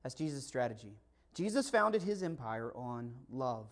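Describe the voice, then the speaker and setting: A man's voice: medium pitch, very animated, moderate pace. A man preaching a conversational Christmas sermon, emphatic and full of rhetorical questions. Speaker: pastor.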